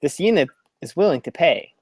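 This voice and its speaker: A stealthy, curt robot stowaway, as a player puts it on speaks in a quiet, flat robotic way and calls itself "this unit." The mid-pitched voice sits dry and close to the mic with no room sound. It suits a tabletop role-play scene. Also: fairly quick, breathy edge, no echo. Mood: terse.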